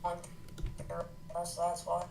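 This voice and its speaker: A woman's voice: lowish voice, monotone, slow. A woman co-hosting live weather commentary over a remote connection. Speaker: storm livestream co-host. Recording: roomy, noisy, patchy remote connection. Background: thunderstorm background noise.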